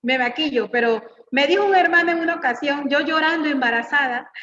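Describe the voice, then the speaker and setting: High-voiced woman preaching to women. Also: fairly quick, a little hiss or hum. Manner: lively, teasing, questions the audience directly. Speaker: guest speaker at church women's meeting. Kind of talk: informal preaching with personal stories. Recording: echoey church hall, dull lo-fi sound.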